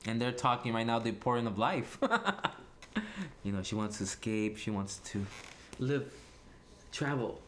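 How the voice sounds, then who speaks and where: Man, film director on commentary track, excitable and giggly, echoey room with faint noise. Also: medium pitch, normal speed, pauses often. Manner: laughs often, excitable, repeats words. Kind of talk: casual film commentary chat. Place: room with others watching a film. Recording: roomy echo, faint background noise.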